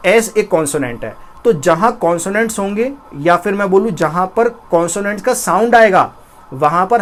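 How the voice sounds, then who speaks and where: A young man with an Indian accent and a high-pitched voice gives a spoken English lesson. He explains patiently step by step, saying each example slowly and often twice.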